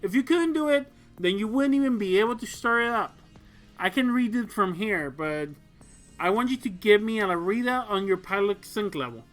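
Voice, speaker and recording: A reader voicing a confident young woman lieutenant who speaks in a crisp, assured command tone, in an audiobook of a mecha story. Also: mid-range voice, expressive, moderate pace, faint music behind, lightly acted. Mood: reassuring.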